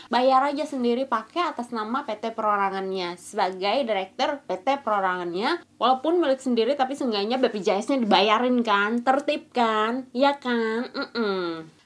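A woman teaching an online business course in a chatty, slangy, teasing way. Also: sits high. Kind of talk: casual educational talk.

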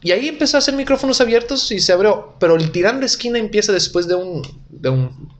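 A man's voice: high-pitched, lively intonation, fast talker. An Italian-born man in his young adult years, a comedian telling jokes and rambling stories in a casual interview. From Italy. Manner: joking, self-deprecating, rambling. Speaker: comedian guest.

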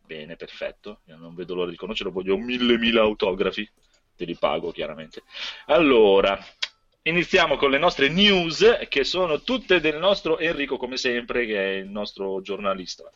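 Bright-voiced man hosting a casual podcast. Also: mid-range voice, very animated, normal speed, highs cut off. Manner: informal, teasing banter. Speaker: podcast host. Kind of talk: casual, jokey chat.

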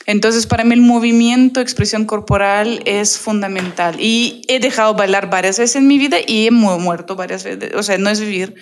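A young adult woman whose first language is Russian, a podcast guest talking in a lively, reflective way and laughing often. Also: medium pitch, moderate pace, hardly any pauses, a little hiss or hum. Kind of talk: casual podcast conversation.

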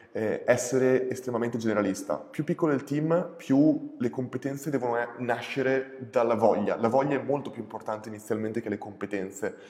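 A man's voice: mid-range voice, darkish tone. A man with an Italian accent answering audience questions in an informal live session, direct, opinionated and emphatic as he gives advice. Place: echoey indoor space. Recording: echoey, reverberant room.

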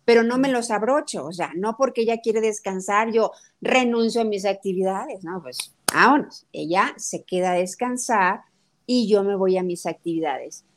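A woman's voice: mid-range voice, moderate pace. A middle-aged woman with a Mexican accent, talking as a guest about family nutrition, telling stories and acting out her daughter's lines. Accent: Mexican Spanish. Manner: animated storytelling, acts out quotes of her daughter. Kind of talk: conversational talk interview.

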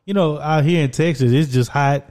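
American male co-host, smooth and clean, mellow tone, slangy casual conversation. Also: a little high, normal speed. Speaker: podcast co-host. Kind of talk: casual chat.

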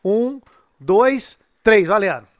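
Brazilian male co-host, high-pitched, close dry sound, slangy, sweary, casual banter. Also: animated, takes it slowly, no room sound. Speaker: podcast co-host.

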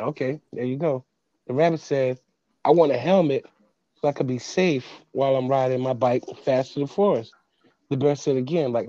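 A man co-hosting a podcast, telling jokes in casual chat with many pauses and fillers. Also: medium pitch, warm tone, no room sound, lo-fi sound. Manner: rambling storyteller with fillers. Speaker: podcast co-host.

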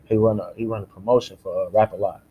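A man's voice: lowish voice, fairly even intonation, fast, phone-quality sound, a crowd in the background. A man with an American accent, from Kalamazoo, chatting casually as a guest rapper in profane, repetitive slang. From Kalamazoo, United States. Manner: slangy, profane, repeats himself.

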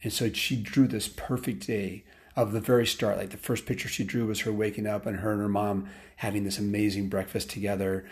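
A man telling a story aloud in a casual, rambling way, full of restarts and fillers, and getting lively at the exciting parts. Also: on the low side, fairly quick. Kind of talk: improvised bedtime-style story told aloud.

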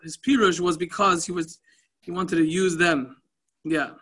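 A man's voice: on the high side, steady tone, measured pace, fairly bright tone, slightly rough. A man teaching a casual Talmud class, telling stories and explaining the text in a loose, conversational way with Yiddish and Hebrew terms mixed in.

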